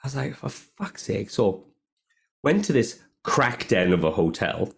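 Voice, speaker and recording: A man's voice: on the low side, a little slow, gravelly. A man telling a story on a casual podcast, swearing often and acting out what people said. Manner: swears a lot, animated, acts out quotes. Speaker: podcast co-host.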